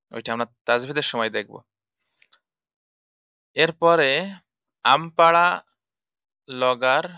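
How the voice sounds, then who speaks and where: Guy teaching quran letters, bright crisp voice, says each sound over and over. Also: mid-range voice, no room sound. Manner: patient, repeats sounds drill-style. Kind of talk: Quran reading lesson.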